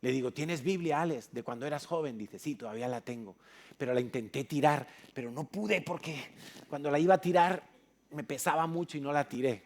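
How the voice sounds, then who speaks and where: Man preaching a lively story sermon. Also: fairly high pitch, a little fast. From Spain. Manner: storytelling with acted dialogue, animated. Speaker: pastor. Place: church.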